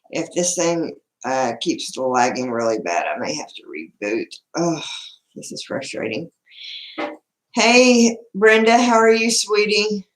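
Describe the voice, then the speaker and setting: Woman, Southern US accent, lower register, casual live-stream talk, folksy, roomy laptop sound. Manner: folksy, informal. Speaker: livestream host. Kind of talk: casual live-stream chat, greeting viewers. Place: indoor room at home. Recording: echoey room, laptop livestream.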